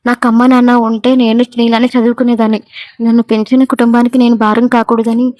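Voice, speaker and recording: A proud, wounded young wife who keeps her answers cool and restrained, voiced by a woman storyteller. The pitch is fairly high and even. The recording sounds dry and close. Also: brisk, no echo, lightly acted. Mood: cold.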